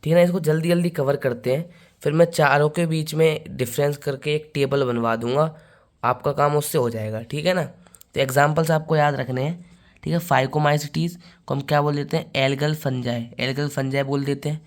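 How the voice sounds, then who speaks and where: A man lectures on biology in a fairly high voice. He works through each point with rhetorical questions and repeats the technical terms slowly so they sink in. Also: fairly even intonation. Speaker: biology teacher. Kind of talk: classroom lecture.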